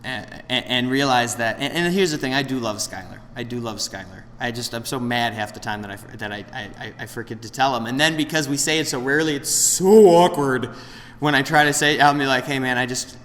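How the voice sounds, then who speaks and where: A man's voice: mid-range voice, quick pace, hardly any pauses, bright, forceful tone. A man in his late thirties, speaking candidly and in a self-deprecating way at a recovery meeting, rambling with frequent restarts. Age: late 30s. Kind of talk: candid personal share. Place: meeting room with an audience. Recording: roomy hall, faint background noise.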